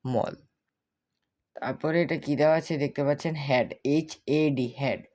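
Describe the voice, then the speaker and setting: Slow, drilling language teacher. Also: medium pitch, steady tone, darkish tone. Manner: spells words out letter by letter and quizzes viewers; repetitive, drilling pronunciation. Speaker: English teacher. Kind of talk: spoken language lesson.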